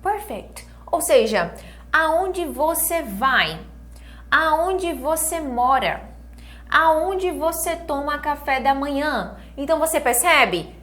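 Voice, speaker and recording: Brazilian woman with a fairly high voice teaching English online, native Portuguese speaker, drills phrases slowly and checks in with the class. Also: expressive, a bit bright. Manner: slow drilled English phrases between brisk explanations; coaxing, checks in with the class often.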